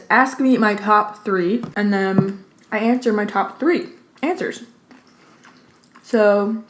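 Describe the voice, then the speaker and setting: A woman hosting a mukbang, chatting informally with lots of "like", pausing to take bites and chew, slightly out of breath. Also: mid-range voice. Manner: informal, peppered with "like". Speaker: mukbang host. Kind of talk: casual chat while eating. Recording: roomy, echoey indoor sound.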